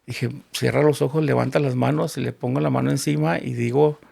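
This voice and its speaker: Very gravelly man telling a story. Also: mid-range voice, fairly quick. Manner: animated storyteller acting out quoted dialogue. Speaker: interview guest. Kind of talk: casual storytelling interview.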